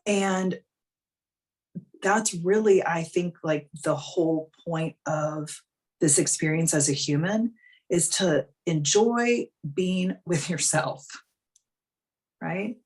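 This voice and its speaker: A woman in her thirties talks through a live coaching call in a slightly low voice. She is frank and chatty, swears now and then and fills her sentences with "like.". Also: takes it slowly, long pauses, darkish tone. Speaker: life coach.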